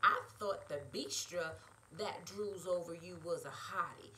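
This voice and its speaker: A woman reads a bold, flirty friend who gushes and exclaims. The voice is bright. It is read out slowly, as a storybook aside. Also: lowish voice, a little hiss or hum, voice pushed down. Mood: gushing. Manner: gushing, exclaiming.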